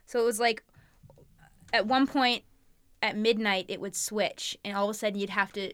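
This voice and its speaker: A woman's voice: mid-range voice, steady tone, normal speed, a bit bright, clear, resonant tone, no room sound. A young woman co-hosting a podcast, chatting casually and giggling. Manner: chatty, giggly, reads story intros aloud. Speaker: podcast co-host. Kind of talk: casual chat.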